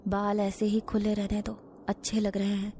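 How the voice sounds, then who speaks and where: A woman's voice: mid-range voice, monotone, warm tone, a little hiss or hum, lightly acted. A woman voicing a possessive male jinn who whispers in a girl's ear in a horror story. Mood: annoyed. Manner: slow, insistent whisper in the ear.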